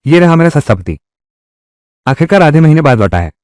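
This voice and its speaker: A man's voice: on the high side, sing-song, a little fast, darkish tone, smooth, no room sound, clean studio sound. A man voicing a fierce young village wife who fights back against her in-laws, with a defiant, mocking manner in dubbed drama dialogue.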